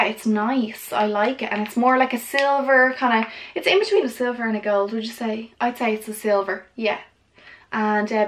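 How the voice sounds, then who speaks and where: A young woman presents in a chirpy haul video manner. Her voice sits fairly high, and she gushes with girly enthusiasm as she chats casually to her viewers. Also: fairly bright tone. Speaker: vlogger presenting a shopping haul.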